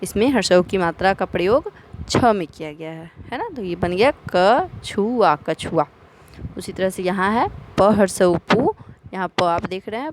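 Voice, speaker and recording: Woman teacher, patient and slow, sounds out each syllable for young pupils; faint noise behind. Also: medium pitch, low-quality recording. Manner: slow, syllable-by-syllable spelling out of words. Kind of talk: primary school Hindi lesson.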